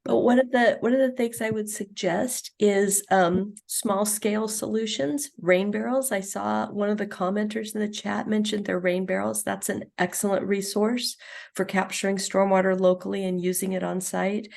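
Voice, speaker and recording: Raspy, hoarse woman with a flat voice. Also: mid-range voice, normal speed. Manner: practical, advice-giving. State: losing her voice. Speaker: panelist.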